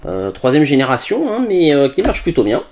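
A man's voice: a little high, huge pitch swings, a little fast, a little mellow. Chatty man unboxing a gadget. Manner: chatty, with frequent "hop" and hesitations. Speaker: tech reviewer. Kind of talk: casual unboxing review.

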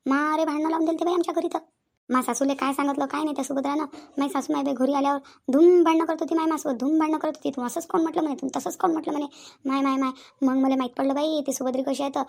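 A woman's voice: sits high, vocal fry, darkish tone, voice pushed down. A woman voicing a grumbling, knowing older village woman in a cartoon, with a Vidarbha Marathi accent.

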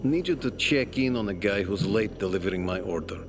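Game role: man playing gruff, cocky crime boss, deep, some background noise. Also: animated, brisk, lightly acted. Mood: cocky, smug.

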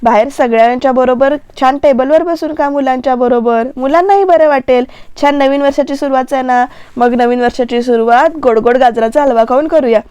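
A woman voicing an older mother and wife who is practical and gently scolds her husband, in slow, plain quoted lines. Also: high voice, smooth, no echo, close to an everyday voice.

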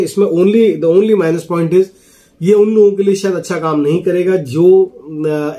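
His voice is fairly high and mellow: a thirties-aged product reviewer from India who also sells walkie-talkies. In a small office indoors, he walks through a casual, explanatory demo, slipping in English phrases.

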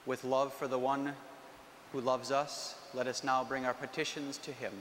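A man, a priest, giving a homily and leading prayers in a measured, solemn way in a large church. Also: mid-range voice, flat delivery, fairly bright tone. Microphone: far camera. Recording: long church reverb, faint noise, far camera.

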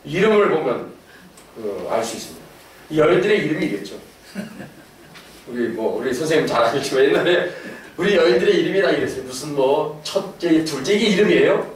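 Man, middle-aged, lecturing, lively, questions to the crowd, slightly high, very echoey hall. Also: brisk. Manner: animated, laughing asides, questions to the audience. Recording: echoey hall, from far off, faint noise.

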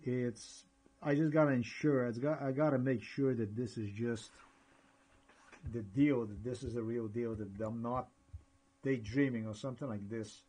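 Husky man narrating a screen recording. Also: mid-range voice, moderate pace, low-quality recording. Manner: excited, rambling, narrates each click. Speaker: vlogger.

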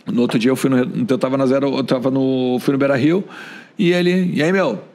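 A man's voice: mid-range voice, a little fast. A man with a Gaúcho Brazilian accent, a sports journalist telling stories casually on a podcast and acting out the voices of the people he quotes. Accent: Gaúcho Brazilian Portuguese. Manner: animated, acts out quoted voices.

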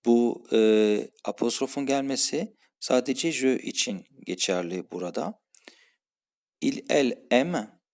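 A man teaching French grammar, patiently saying each verb form and then its translation. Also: mid-range voice. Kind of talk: explaining French grammar for a Turkish-speaking class.

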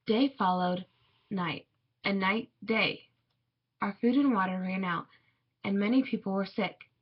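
A woman reading a children's picture book aloud in a measured, expressive way. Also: medium pitch, breathy edge. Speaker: storybook reader. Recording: dull lo-fi recording.

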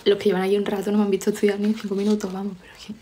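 A woman's voice: medium pitch, monotone, very fast, mellow, a little hiss or hum. A young woman from Spain chatting on a live stream from home, teasing viewers and reading their comments aloud. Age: young adult. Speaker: livestreamer. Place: home, studying.

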